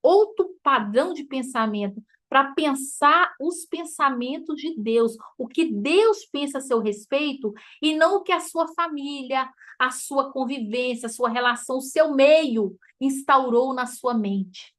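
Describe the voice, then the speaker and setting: Brazilian woman teaching a faith class, high voice, chatty and emotional, laughs a lot. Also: unhurried, few pauses, a bit bright. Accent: Brazilian Portuguese. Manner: chatty and emotive, addressing listeners as "gente", laughs often. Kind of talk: informal teaching talk to a group.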